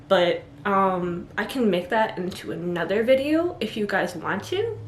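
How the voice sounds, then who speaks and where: A woman's voice: medium pitch, echoey room, slight background noise. A woman vlogging to camera, talking in a rambling, chatty way full of "like" and apologetic asides, a bit out of breath as she stands. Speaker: vlogger giving self-love advice. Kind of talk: casual chat to camera. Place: indoor room, standing before the camera.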